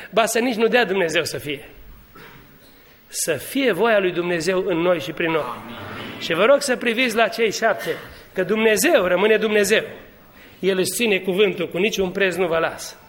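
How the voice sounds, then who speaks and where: A man preaching a sermon, telling humorous stories and building to fervent exhortation. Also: high voice. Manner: lively, humorous storytelling that rises to fervent exhortation.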